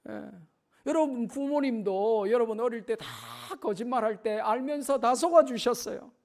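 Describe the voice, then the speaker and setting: Middle-aged man, pastor, revival sermon, emphatic, high voice, gravelly tone, church sanctuary. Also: normal speed, darkish tone. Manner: emphatic, acts out little dialogues with children.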